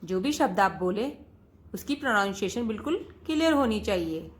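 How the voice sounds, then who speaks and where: A woman's voice: medium pitch, animated, normal speed. A woman teacher giving a patient lesson to children, often calling out to the students and repeating each point.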